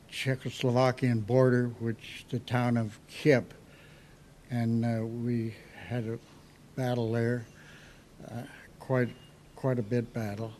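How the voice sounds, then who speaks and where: An American man in his eighties, an old war veteran remembering his service in a halting, reflective interview. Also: mid-range voice, mellow, slight background noise. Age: 80s. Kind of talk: recounting war memories in an interview.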